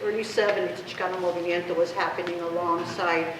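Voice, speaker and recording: This woman in her fifties speaks briskly in a lowish voice with fairly even intonation, delivering a passionate, conversational activist talk in Spanish that often poses rhetorical questions. A distant mic in a reverberant room picks her up, noise clearly present.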